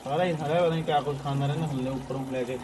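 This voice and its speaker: A man's voice: a little high, fairly even intonation, rapid-fire, darkish tone, a little hiss or hum, low-quality recording. A man with a Punjabi accent in casual, teasing, scolding banter.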